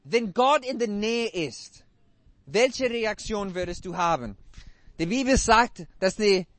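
A man's voice: high voice, expressive, takes it slowly, fairly bright tone, no room sound. A man preaching a sermon in non-native German with broken grammar, emphatic and asking the congregation repeated questions.

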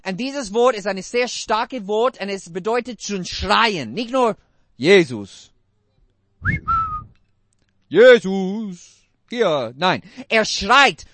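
A man's voice: high-pitched, a little slow, few pauses, pushed and bright, a little hiss or hum. A man preaching a sermon in non-native German with broken grammar, emphatic and asking the congregation repeated questions.

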